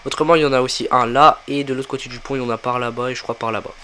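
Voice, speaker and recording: A man's voice: medium pitch, steady tone, very fast, sharp tone, slight background noise. A young man giving a casual game walkthrough, thinking aloud with lots of fillers as he plays. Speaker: gaming tutorial creator.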